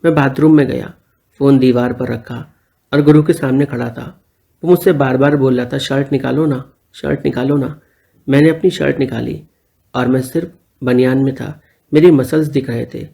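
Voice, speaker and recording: A man's voice: medium pitch, fairly even intonation, normal speed, vocal fry, dark tone. A young man narrating a first-person story in a plain, conversational way.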